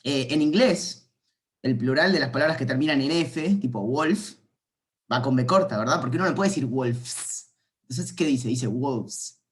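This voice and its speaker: A man's voice: mid-range voice, moderate pace. A man, a university calculus lecturer giving an informal online class, playful and rambling as he thinks aloud.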